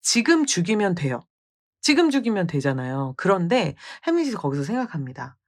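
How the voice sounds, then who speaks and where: A woman's voice: lowish voice, very animated, a little fast. A woman retelling the plot of a classic play in a casual, conversational way, with frequent rhetorical questions. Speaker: literature storyteller.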